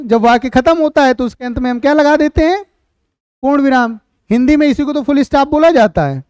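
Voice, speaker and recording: A man leads an online Hindi class for exam prep, explaining each point and then putting the question back to his students, with chatty asides that call the viewers "beta." His very high-pitched voice is a little mellow, clear and resonant, recorded in a clean studio with no echo.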